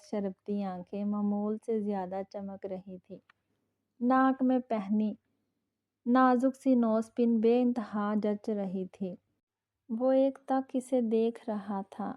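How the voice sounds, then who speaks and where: A woman reading a romance novel aloud as scripted narration, in a measured storytelling manner. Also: medium pitch, muffled recording.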